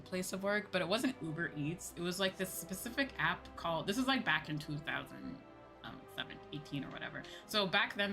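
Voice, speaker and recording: On a livestream, a young American woman with a fairly low voice chats casually while gaming. She's animated and swears a lot, drifting into exasperated quoted back-and-forths, and music sits clearly under her voice.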